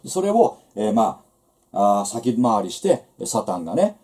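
Male Bible lecturer, seminar style, animated pitch, conversational asides. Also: measured pace. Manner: conversational teaching with rhetorical asides.

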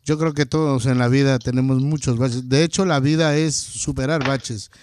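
A man hosting a radio interview, encouraging and halting with many fillers. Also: medium pitch, steady tone, darkish tone. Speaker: radio show host. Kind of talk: casual interview chat.

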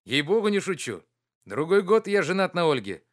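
Steady, practical male friend, lower voice, measured, as a male reader puts him on. Audiobook figure. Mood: warm.

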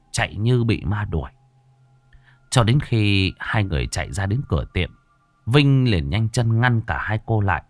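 A man narrating a horror audiobook in an expressive, dramatic way. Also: lowish voice, dry recording.

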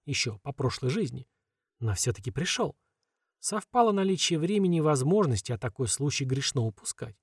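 A man narrating a fantasy audiobook in a calm, measured way, often letting phrase endings fall quiet. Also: mid-range voice, husky, no echo, clean studio sound.

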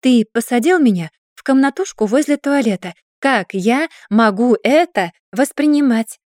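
A woman's voice: a little high, expressive, normal speed, a little mellow, no echo, studio quality, voice pushed up, natural voice. A woman reading a storybook voices a defensive young woman who answers curtly and bitingly. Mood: defiant. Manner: curt, biting and defiant.

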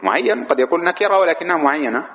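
A man's voice: on the high side, expressive, racing, highs cut off, slight background noise. A man teaching a grammar lesson to a class, explaining patiently, questioning the students and drawing out example words as he repeats them. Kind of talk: classroom lecture on Arabic grammar.

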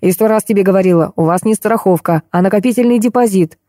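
A cantankerous old woman played by a female audiobook reader scolds and accuses in a grumpy, combative voice. The tone stays mellow and the recording is dry and close. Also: mid-range voice, quick pace, no room sound, lightly acted. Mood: scolding. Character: cantankerous, combative elderly woman, a retired court archive clerk. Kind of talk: audiobook character voice.

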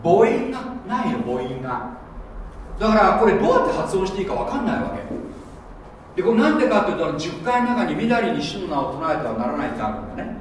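A man preaching a sermon as pastor, animated and often checking that listeners follow along. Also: high-pitched, quick pace, slight background noise. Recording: echoey hall, voice from a distance.

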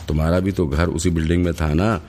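A man voicing a frightened male writer locked in a cell with a killer, shouting in a shaky voice. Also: low voice, steady tone, fast talker. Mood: confused. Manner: shouting, trembling voice.

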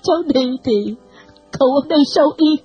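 A woman's voice: sits high, moderate pace, dull audio, soft background music, pitched above the performer's own voice, close to an everyday voice. A woman voicing a sick, blind old man who laments his niece's fate. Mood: lamenting.

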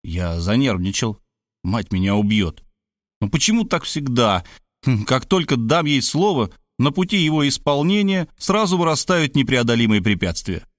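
A man's voice: medium pitch, moderate pace, no echo. Brief: middle-aged man, wry first-person audiobook narration, dry close mic. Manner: wry, self-ironic, lively with voiced quotes.

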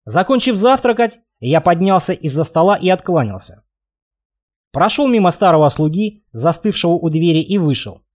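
A man reading a first-person fantasy audiobook aloud in a lively, expressive way. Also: high voice, normal speed. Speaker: audiobook narrator.

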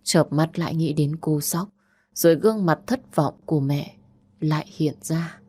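Low-voiced woman narrating a sad story. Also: a little slow, warm tone, slightly rough, dry recording. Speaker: audiobook narrator. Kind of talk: first-person story narration.

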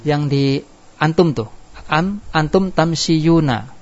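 This grammar teacher speaks slowly in a fairly high, slightly mellow voice with lively intonation. He walks through the lesson step by step, posing questions to the class that he answers himself, in a dull lo-fi classroom recording.

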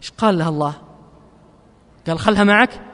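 Male Gulf Arabic preacher, fairly high voice; slow chanted verses, brisk conversational asides; long reverb of a big hall. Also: a bit bright. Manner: chants verses slowly, then explains in quick casual asides. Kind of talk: sermon.

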